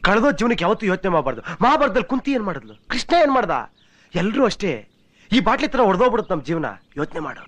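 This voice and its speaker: An actor playing a smooth-talking, manipulative man who lectures with a twisted philosophy in film dialogue. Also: high voice, big pitch swings, very fast, exaggerated voice. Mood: sly lecturing. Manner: sly, lecturing, swinging from whispers to shouts. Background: film score music.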